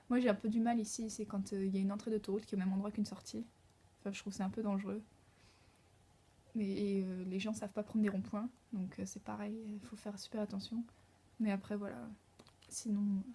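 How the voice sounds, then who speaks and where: A woman's voice: mid-range voice, dark tone, slightly rough. A young woman from France, chatting casually to her vlog audience in a hesitant way with lots of fillers. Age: young adult. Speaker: au pair vlogger. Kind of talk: casual vlog chat to camera.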